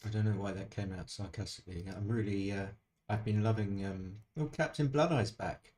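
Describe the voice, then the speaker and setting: A man's voice: fairly low pitch, fairly quick, darkish tone. A man streaming an online backgammon game, chatting casually in a dry, self-deprecating way and muttering his thoughts to himself at a desk microphone.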